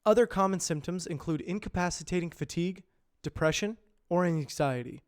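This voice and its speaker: An amateur voice actor practising reads, this man narrates scripted informational material in a fairly high-pitched voice. He enunciates carefully in a measured presenter's manner, like an educational voice-over. His tone is clean.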